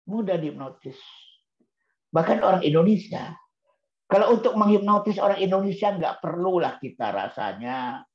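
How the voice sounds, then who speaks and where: Man giving a roomy, muffled parenting talk. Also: fairly high pitch. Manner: rhetorical questions answered aloud; repeats key words for emphasis. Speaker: Islamic parenting speaker. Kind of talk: book-review talk to parents. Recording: roomy dull-sounding recording.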